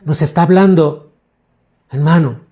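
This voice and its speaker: Slow, mellow-voiced pastor preaching. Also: male voice, fairly high pitch. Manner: preaching with questions to the congregation, drawn-out emphasis. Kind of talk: sermon teaching.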